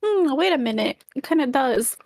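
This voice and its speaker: A woman guest co-hosts a casual livestream, reacting to game trailers with playful, blunt banter that sounds innocent. Her voice sits high, a little mellow and animated, at normal speed. The studio-quality recording has no room sound, with music playing behind her.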